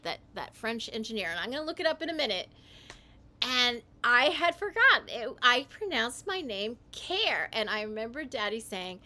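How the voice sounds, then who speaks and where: A woman hosting a livestream, talking in a meandering, halting way, often correcting herself as she types. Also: a little high, bright, forceful tone. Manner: typing while talking. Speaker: livestream host. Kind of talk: rambling livestream monologue.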